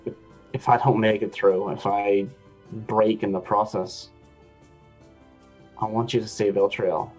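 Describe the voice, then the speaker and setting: Husky low-voiced male tabletop player. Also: fairly even intonation, measured pace, pauses often, darkish tone, faint music behind. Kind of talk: casual role-play table talk.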